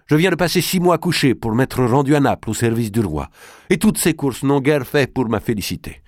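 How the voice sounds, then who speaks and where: A man's voice: mid-range voice, lively intonation, brisk, no echo, clean studio sound, voice pushed up, natural voice. A man reading an audiobook and voicing a tired, stubborn young man who refuses in an earnest, pleading way. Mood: weary.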